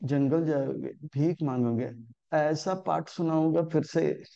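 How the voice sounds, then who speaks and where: A man's voice: fairly high pitch, fairly even intonation, slow, creaky, dark tone. A man voicing a divine teacher who teasingly scolds an eager pupil, in a mock-stern tone, on a dull lo-fi recording.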